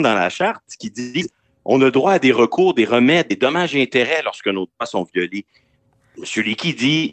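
A man's voice: medium pitch, fairly bright tone, no room sound. Explanatory Quebec male legal commentator, dry studio. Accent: Quebec French. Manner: explanatory, point by point. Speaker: legal commentator, regular columnist. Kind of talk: conversational legal analysis.

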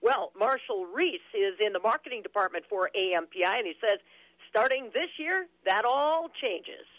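A woman's voice: medium pitch, expressive, moderate pace, fairly bright tone, no room sound, low-quality recording. An American woman giving a chatty broadcast report as a farm radio reporter.

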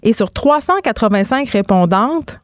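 A woman's voice: fairly high pitch, animated, a little slow, no room sound, clean studio sound. A middle-aged woman with a Québécois accent, talking as a commentator in a casual debate, emphatic and rambling. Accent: Québécois French. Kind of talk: casual talk show debate.

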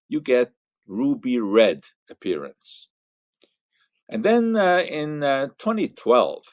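An older man giving an educational science talk in an explaining manner, pausing on "uh" and repeating words. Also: medium pitch, dry recording, studio quality. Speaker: science commentator. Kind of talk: educational monologue.

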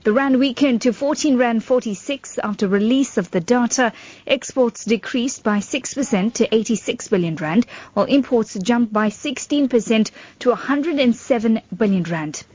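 A woman's voice: fairly high pitch, moderate pace, a little mellow, highs cut off. A South African woman presenting a scripted radio news bulletin. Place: radio studio.

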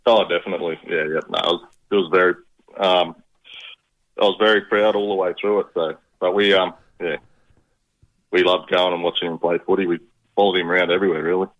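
Middle-aged male call-in guest, deep voice, Queensland accent, muffled line, laid-back and slangy. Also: fairly even intonation, fairly quick, a bit bright. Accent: Queensland Australian. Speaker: radio interview guest, proud father. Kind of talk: casual chat. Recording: dull, band-limited radio call.

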